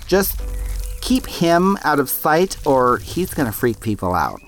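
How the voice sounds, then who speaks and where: A man's voice: on the high side, big pitch swings, measured pace, fairly bright tone, soft background music, heavily acted. A man playing a laid-back, bumbling father and would-be mage who jokes and hesitates a lot. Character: easygoing bumbling Nord dad mage.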